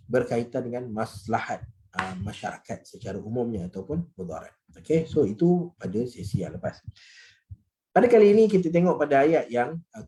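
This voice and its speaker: A male religious teacher gives a relaxed, conversational lecture. His mellow voice swings widely in pitch. He keeps dropping in "okey" and "ha" and acts out different tones of voice to make his points. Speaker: Quran study teacher.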